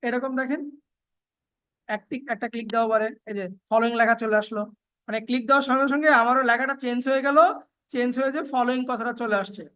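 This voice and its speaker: Woman, slightly high voice; relaxed screen-tutorial narrator, halting with fillers. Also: smooth. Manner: casual, step-by-step, with frequent fillers and repeats. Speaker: video editing tutor. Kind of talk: screen-recorded software tutorial.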